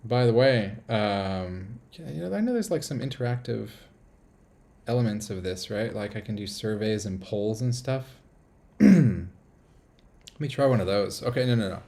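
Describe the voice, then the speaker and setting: A man's voice: lowish voice, lively intonation, normal speed, gravelly, dark tone. A man from the United States hosting a casual live stream from a small apartment, rambling upbeat and reading viewer comments aloud.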